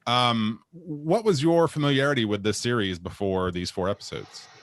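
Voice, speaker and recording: A man's voice: medium pitch, normal speed, no echo, studio quality. A man co-hosting a podcast in casual, joking chat, laughing often. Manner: jokey, laughs a lot. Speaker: podcast co-host.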